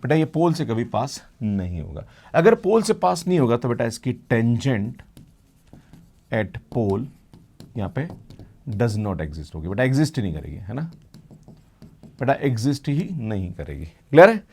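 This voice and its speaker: A man's voice: medium pitch, very animated, a little slow, creaky, pauses often, darkish tone, breathy edge. A middle-aged man teaching a math class at a board. He mixes in technical English terms, checks in with the students again and again, and calls them "beta". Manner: addresses students as "beta", constant "hai na" check-ins.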